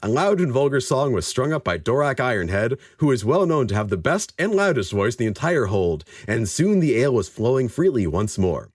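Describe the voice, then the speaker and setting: A man co-hosting a casual podcast, joking and swearing easily. His pitch rises and falls a lot as he talks. The sound is close and dry. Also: brisk, few pauses, dry recording. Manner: animated, jokey, swears casually. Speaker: podcast co-host and story reader. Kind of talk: casual podcast chat and dramatic reading.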